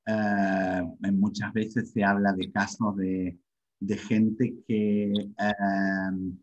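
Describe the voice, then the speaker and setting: A middle-aged language teacher with an Argentine Spanish accent gives a casual explanatory webinar lecture, frequently tossing in short tag questions to check in. His fairly low voice has little pitch movement and drawn-out words, with slight background noise in dull, muffled audio.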